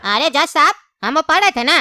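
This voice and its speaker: A woman's voice: high voice, very animated, brisk, sharp tone, no room sound, studio quality, heavily acted. A woman voicing a young male accused in a comedy skit, pleading his innocence with evasive excuses.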